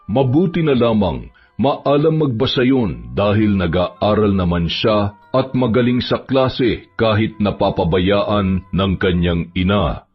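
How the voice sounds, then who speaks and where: A man with a husky, fairly low voice reads a horror story in a steady, measured way. The recording is dull and lo-fi. Soft music plays underneath. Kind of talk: scripted horror story narration.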